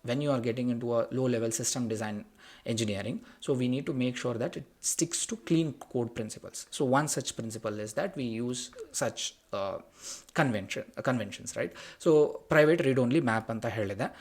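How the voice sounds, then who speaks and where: Very fast-talking Indian man teaching. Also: medium pitch. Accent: Kannada Indian. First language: Kannada. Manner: switches between two languages, checks in with "right?" and rhetorical questions. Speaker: programming instructor. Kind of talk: casual technical tutorial, thinking aloud.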